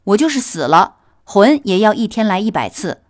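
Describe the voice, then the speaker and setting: Brief: affectionate teen boy, sweet-talking, lively intonation, read by a woman. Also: mid-range voice, moderate pace, pitched above the performer's own voice, natural voice. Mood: coaxing. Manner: cheerful, pleading. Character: coaxing teenage boy, playful and affectionate.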